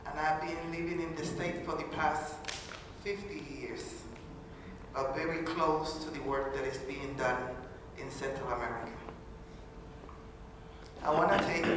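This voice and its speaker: A Honduran woman whose first language is Garifuna gives a formal public talk as a panel speaker, her deep voice carrying through an echoey hall with background noise. She speaks earnestly but haltingly, pausing often and restarting. The recording picks her up from far off, with faint ambience.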